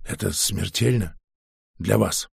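Brief: man voicing a low, raspy, guarded hero for an audiobook, speaks softly and carefully. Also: slow pace, no room sound, clean studio sound, heavily acted. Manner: cautious, quiet. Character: wary male scientist, hero.

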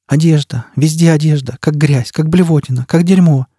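A man's voice: moderate pace, warm tone, breathy edge, no room sound, clean studio sound. A man doing a shrieking, broken spacer. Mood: hysterical. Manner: sobbing, frantic high cries. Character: panicked broken male spacer, wailing and begging.

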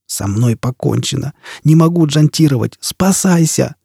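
A man voicing a gruff middle-aged man in an audiobook, urgent and pleading. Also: fairly high pitch, lively intonation, normal speed, warm tone, no echo, clean studio sound. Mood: beaten.

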